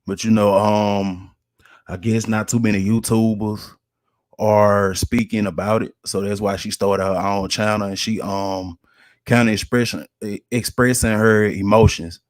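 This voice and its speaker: A man's voice: on the low side, fairly even intonation, measured pace. A man giving casual online news commentary, hesitant with many fillers.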